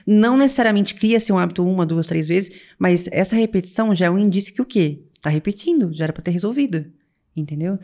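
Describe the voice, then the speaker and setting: Fast-talking woman in lively chat. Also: on the low side. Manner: animated storytelling, quick and expressive. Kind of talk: casual chat.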